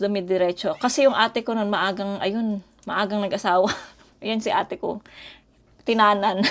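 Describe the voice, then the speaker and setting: A middle-aged woman from the Philippines, chatting casually and rambling to her viewers as she tells stories at home. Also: mid-range voice. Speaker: vlogger. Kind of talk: casual storytelling chat to viewers. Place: home in Korea.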